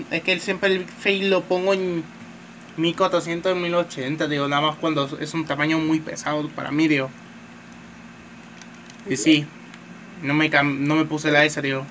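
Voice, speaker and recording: A gamer rattles off casual, chatty commentary as he plays, dropping "tío" at every turn and swearing at enemies. His voice is somewhat high for a man. The phone-mic recording carries a steady background hiss.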